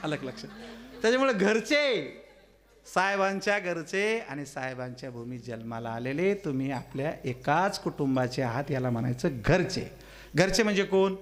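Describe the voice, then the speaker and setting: A man preaching a kirtan sermon, telling humorous stories and questioning the crowd, swinging between loud exclamations and quiet asides. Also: a little high, animated, normal speed. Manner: teasing, asks the audience questions.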